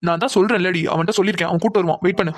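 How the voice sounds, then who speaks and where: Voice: medium pitch, steady tone, racing, close to an everyday voice. A voice actor playing a bossy, protective young man in a cartoon who gives orders. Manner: bossy, commanding.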